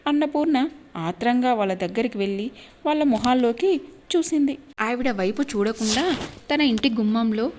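A woman narrating an audiobook story in a measured, expressive way. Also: on the high side, a little hiss or hum.

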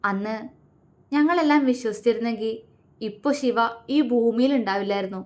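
A woman's voice: on the high side, moderate pace, darkish tone, close to an everyday voice. A woman voicing a frightened middle-aged uncle who stammers as he answers, in a storybook reading. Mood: fearful. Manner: stammering, fearful.

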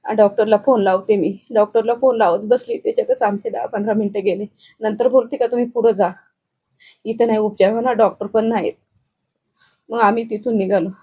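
A middle-aged woman speaks in a news interview. Her voice is mellow and dark at an ordinary pitch. She recounts events in detail, grieving and urgent. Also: steady tone, a little fast, husky. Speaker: bereaved grandmother interviewed.

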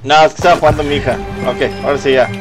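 A man with a Mexican accent playing a shooter game, excitable and trash-talking. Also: a little high, rapid-fire. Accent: Mexican Spanish. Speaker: gamer. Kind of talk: casual gaming chat. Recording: game music and gunfire behind.

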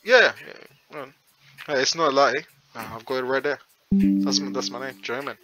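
A man's voice: medium pitch, normal speed, over music. A young man from Zimbabwe on a headset in a small room, teasing a stranger in casual video chat, stammering and swearing often.

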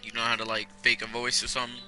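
A man's voice: medium pitch, monotone, rapid-fire, pushed and bright, soft background music. A man streaming a game, giving casual commentary in a crude, joking way and talking to friends in the room. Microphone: desk mic.

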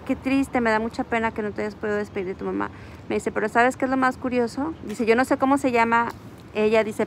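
A woman's voice: a little high, a little hiss or hum, low-quality recording. A woman with a Mexican accent, telling a story in a casual vlog outdoors at a city bus stop and acting out the dialogue. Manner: animated storyteller, acts out quoted dialogue. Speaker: vlogger.

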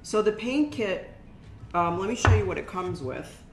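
A woman's voice: mid-range voice, lively intonation, moderate pace, noisy background. Chatty older woman teaching a craft. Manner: chatty, practical, talks to viewers as "guys". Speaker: shop owner teaching a craft workshop. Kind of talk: casual how-to demonstration. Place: indoor shop workspace with brick wall. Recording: roomy, faint music behind.

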